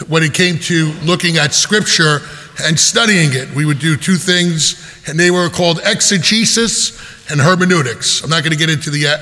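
A man's voice: on the high side, moderate pace, pushed and bright. A male priest giving a conversational homily in a church, explaining scripture verse by verse like a teacher. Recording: long church reverb.

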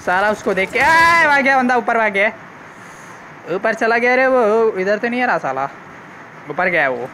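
A man commentates his gameplay live. His voice sits high and bright. He is excitable and keeps up joking, casually crude banter. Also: moderate pace, pauses often, slight background noise. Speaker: gaming YouTuber.

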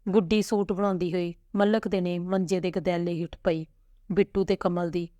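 Steady woman storyteller, lowish voice. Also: normal speed, no echo, lo-fi sound. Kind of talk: scripted story narration.

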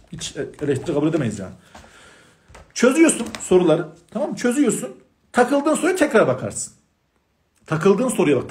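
A man's voice: sits high, darkish tone. A man, a math teacher for exam prep, lecturing students in an emphatic, scolding way and repeating his points insistently. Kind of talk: passionate lecture-style talk to students.

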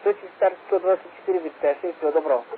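A man's fairly high voice comes through an aviation radio channel, squeezed thin like a phone line with a faint hiss underneath. He works as an air traffic controller and speaks in short, clipped radio phraseology. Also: racing. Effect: heard over an aviation radio channel.

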